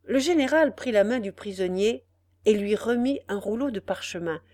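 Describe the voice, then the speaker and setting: A woman narrating a novel in a measured, expressive audiobook reading. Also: mid-range voice, no echo.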